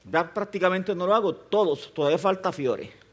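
A grandfatherly pastor with a notably high-pitched voice delivers a sermon. He talks to the congregation like a conversation, pressing his points with rhetorical questions and plain emphasis. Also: moderate pace. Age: older.

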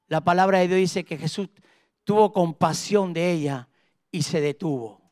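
A man's voice: high-pitched, moderate pace, darkish tone, dry recording, clean studio sound. A man pastor delivering a sermon, telling a story and then leading the congregation in fervent prayer. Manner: fervent preaching, builds to emphatic prayer.

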